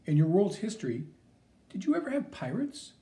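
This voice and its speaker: An earnest, heroic flying cartoon mouse speaks with steady, encouraging confidence, as a man reading a storybook puts him on. His tone is mellow and warm, and his pitch moves in lively swings. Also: brisk, slight background noise. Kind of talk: audiobook character reading.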